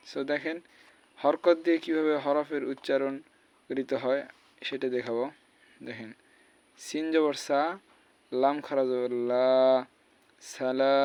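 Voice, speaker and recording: A man's voice: mid-range voice, clean tone, no echo, muffled recording. A man, teaching a spoken lesson and spelling out letters and vowel marks syllable by syllable. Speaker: Quran recitation teacher.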